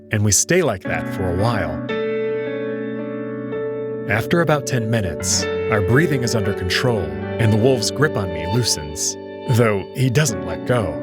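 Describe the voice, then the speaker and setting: A man reading a visual novel aloud in first person, telling it expressively over soft background music. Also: lowish voice. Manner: expressive storytelling. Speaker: narrator. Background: soft instrumental music.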